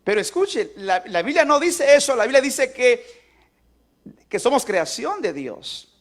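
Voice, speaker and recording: High-voiced man preaching call-and-response. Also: big pitch swings, a little slow. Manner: asks the congregation to repeat lines aloud. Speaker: pastor. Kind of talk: sermon.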